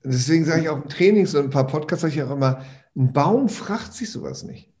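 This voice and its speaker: A man's voice: on the high side, animated, fairly quick, darkish tone. A man, a personal development trainer, talking animatedly in a casual podcast conversation, repeating words and swearing offhandedly.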